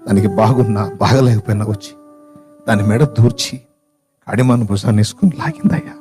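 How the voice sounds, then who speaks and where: A man's voice: on the low side, steady tone, a little fast, warm tone, soft background music, natural voice. A man voicing a grieving farmer who owns an ox cart, speaking in an earnest, mournful way. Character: grieving male ox-cart owner, loyal farmer.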